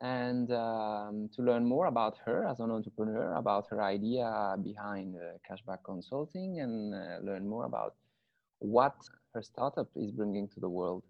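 A man's voice: fairly low pitch, normal speed, vocal fry, highs cut off. A man hosting a podcast interview, introducing and questioning a guest. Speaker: podcast host.

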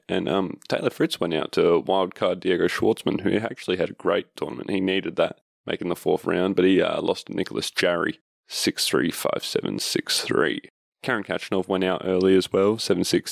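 A man hosts a casual sports podcast by himself, recovering from having his wisdom teeth pulled. His voice sits very low with plenty of vocal fry, recorded close and dry. He rambles informally and interrupts himself as he goes. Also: dry recording. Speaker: podcast host.

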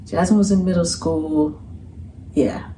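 A middle-aged woman telling a personal story in a casual, colloquial way as a podcast guest. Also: slow pace. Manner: animated, colloquial, breaks into laughter and high voices when quoting. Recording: distant mic with faint background noise.

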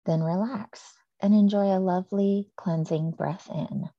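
A woman leading a guided breathing meditation, speaking slowly and softly with long pauses. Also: medium pitch, fairly even intonation, no echo, highs cut off. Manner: slow, soft and soothing with long pauses.

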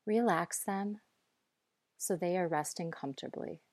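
A woman guiding breathing and muscle relaxation in a calm, measured, instructive way. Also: fairly low pitch, no echo. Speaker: guide.

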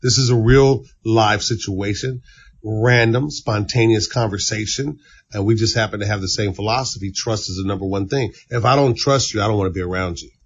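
A low, husky male voice speaks earnestly about what he values, sometimes pressing a point by saying it twice. The recording sounds dull and lo-fi. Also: a little fast. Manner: earnest, heartfelt, repeats for emphasis. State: tearful. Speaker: former baseball executive, youth training center owner. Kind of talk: emotional interview answers.

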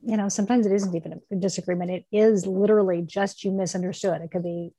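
A woman co-hosting a casual chat, speaking in a gentle, reflective and affirming way. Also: mid-range voice, fairly even intonation, quick pace, no echo. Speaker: podcast co-host. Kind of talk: casual faith-based chat.

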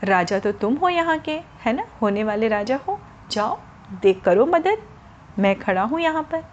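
A woman doing a calm, smiling divine lord. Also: very high-pitched, measured pace, lo-fi sound, slight background noise, heavily acted. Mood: amused.

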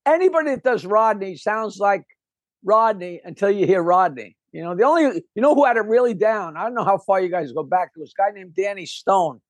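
An older male comedian with a fairly high-pitched voice tells stories in a loose, rambling way, laughing and restarting mid-sentence. He is recorded close and dry, with no room sound. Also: brisk, no room sound. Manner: lively, rambling storyteller who breaks off and restarts with a laugh. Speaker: guest comedian. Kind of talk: casual storytelling interview.

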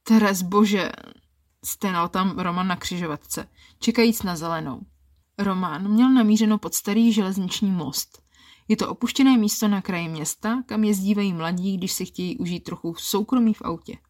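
Female podcast narrator, first-person erotic story, calm and intimate. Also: medium pitch.

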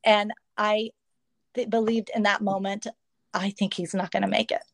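A woman's voice: mid-range voice, little pitch movement, normal speed, gravelly. Woman telling an emotional faith story. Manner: emotional storytelling, acts out quotes. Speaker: guest. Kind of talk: personal faith testimony.

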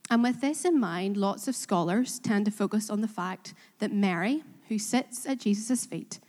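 A woman with a Korean accent preaches a sermon at a church in Belfast, earnest and self-deprecating as she puts questions to the congregation. Her voice is medium-pitched and darkish at a normal speed, echoing in a reverberant hall.

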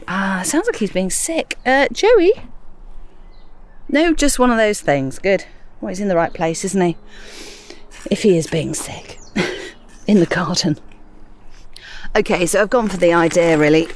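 A fairly low-pitched woman's voice, with slight background noise, belongs to a middle-aged gardening podcast host. She works in her garden planting, a bit out of breath, and chats casually to listeners with a self-amused air.

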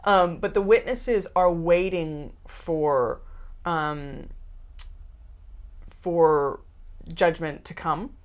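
A woman from the American South chatting casually, telling animated stories with many ums and restarts. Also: lowish voice, extremely slow, long pauses. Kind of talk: casual chat.

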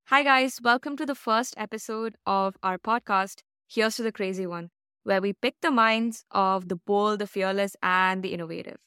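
A woman's voice: mid-range voice, moderate pace, pushed and bright, clear, resonant tone, no echo, studio quality. A woman hosting a podcast, chatting casually with a bubbly, giggly manner and loose fillers. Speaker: podcast host. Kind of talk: casual chat.

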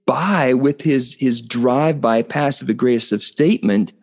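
A man's voice: mid-range voice, a little slow, darkish tone. Male podcast host, mid-range voice, earnest solo monologue, prone to restarts. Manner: earnest, explanatory, with frequent restarts and repeated words.

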